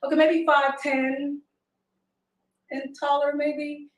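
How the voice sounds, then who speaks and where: A woman in her twenties from Haiti, a guest on a call-in show, speaking softly and hesitantly with many fillers. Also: high-pitched, level tone, slow, echoey room, distant mic, poor audio. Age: 20s. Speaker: show guest seeking a partner. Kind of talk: casual call-in chat.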